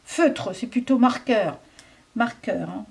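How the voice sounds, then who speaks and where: A woman's voice: on the high side, expressive, takes it slowly, gravelly, a little hiss or hum. A French woman casually reviewing craft markers, chatty and hesitant, thinking aloud with many fillers.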